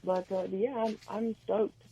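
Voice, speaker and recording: A woman's voice: mid-range voice, steady tone, unhurried, warm tone, husky. A woman calling in over the phone to a radio show, chatting casually with many hesitant ums and restarts. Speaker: caller. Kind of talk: casual chat. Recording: muffled phone line.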